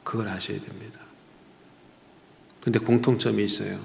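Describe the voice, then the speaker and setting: A man's voice: lowish voice, level tone, moderate pace, gravelly, a little mellow, slight background noise. A man preaching a sermon as a pastor, rising to emphatic rhetorical questions and then dropping to near-whispers. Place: church sanctuary. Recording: long reverb of a church hall.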